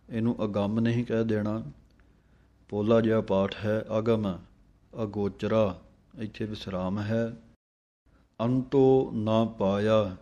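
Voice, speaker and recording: A man teaching careful scripture recitation line by line, chanting each phrase slowly and then briefly explaining how to say it. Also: lowish voice, dark tone. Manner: slow chanted lines, then quick spoken corrections.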